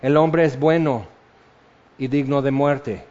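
A man preaching a sermon, slow and measured, repeating key phrases for weight. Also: mid-range voice, steady tone, darkish tone. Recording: dull lo-fi sound.

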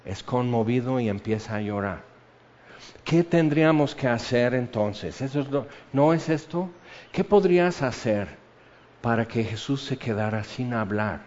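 A man preaching a sermon, animated, swinging between loud bursts and hushed, intimate passages. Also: medium pitch, unhurried. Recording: dull lo-fi sound.

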